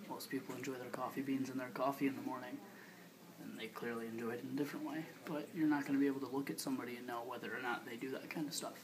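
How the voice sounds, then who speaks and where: A man's voice: medium pitch, steady tone, racing, crowd noise. A young man being interviewed, answering in a hesitant, noncommittal way. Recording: distant mic with background noise.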